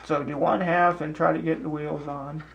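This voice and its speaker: A man giving a casual hands-on demonstration in a deliberate, halting way, with broken phrasing. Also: a little high, little pitch movement, dull audio. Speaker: host demonstrating a hobby. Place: home basement, indoors. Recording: clear background noise, room ambience.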